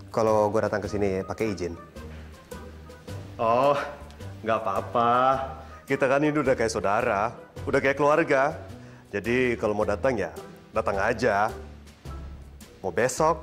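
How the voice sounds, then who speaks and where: An actor playing a friendly young doctor who talks in a relaxed, casual way. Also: male voice, fairly low pitch. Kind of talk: TV drama acting. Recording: faint music underneath.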